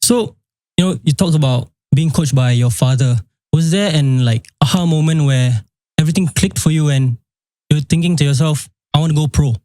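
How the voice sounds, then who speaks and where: A man's voice: a little high, normal speed, mellow, dry recording. A man with a Singaporean accent asking questions as co-host of a casual interview.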